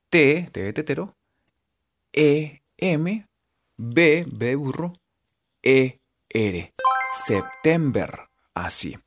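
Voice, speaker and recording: Playful Colombian teacher, lively voice. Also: mid-range voice. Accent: Colombian Spanish. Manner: playful, jokey, spells words letter by letter; animated, drawn-out sounding-out of words. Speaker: language teacher. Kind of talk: online language lesson.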